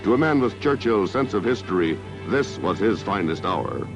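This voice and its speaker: A man's voice: lowish voice, lively intonation, normal speed. Man narrating an old newsreel. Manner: declamatory, stately delivery. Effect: old newsreel film soundtrack. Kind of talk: dramatic 1960s newsreel narration. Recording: dull lo-fi 1960s newsreel audio with music.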